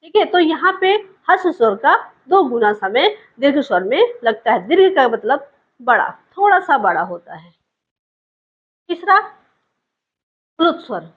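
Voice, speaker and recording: A woman's voice: sits high, sing-song, normal speed, phone-quality sound. A woman teaching a grammar lesson, asking questions and answering them herself, repeating key points, and stretching vowel sounds to show them. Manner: drags out vowel sounds to demonstrate.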